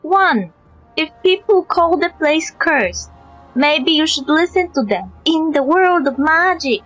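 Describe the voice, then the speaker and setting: A woman streams a game in a high, very animated voice. She comments casually and takes her time, with dry, sweary retorts to the characters. Music plays softly behind her. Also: slow pace, poor audio. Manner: sardonic, swearing, talks back to game characters. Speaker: streamer reacting to a video game.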